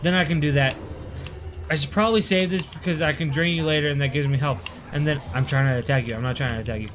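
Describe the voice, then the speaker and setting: A young man playing a video game while drunk, swearing, yelling at enemies and chatting with a friend. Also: fairly high pitch, quick pace, noisy background. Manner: loud, profane outbursts at the game. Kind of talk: casual gaming banter.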